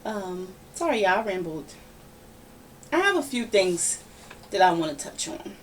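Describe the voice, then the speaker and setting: A woman hosting a casual podcast, giving her opinions in a lively, ranting, conversational way. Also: medium pitch, measured pace. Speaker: podcast host. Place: home room, relaxed podcast setting. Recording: somewhat distant mic with faint background noise.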